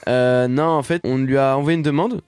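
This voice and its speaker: Man, music producer, podcast guest, rambling, hesitant, mid pitch, dry recording. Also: fairly even intonation, a little fast, a little mellow, clean tone, dry recording. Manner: rambling storyteller, many fillers and restarts. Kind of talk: casual podcast chat.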